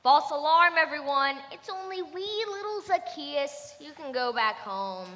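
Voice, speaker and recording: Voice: sits high, lively intonation, unhurried, sharp tone, in a large hall, full character voice. A mocking cartoon mayor. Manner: mocking, dismissive. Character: dismissive town mayor.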